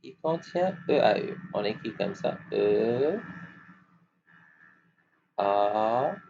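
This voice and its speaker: A man teaching young children to spell, slowly sounding out letters and syllables. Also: mid-range voice, lively intonation, creaky, warm tone. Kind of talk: phonics lesson for children. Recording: dull lo-fi with faint hum.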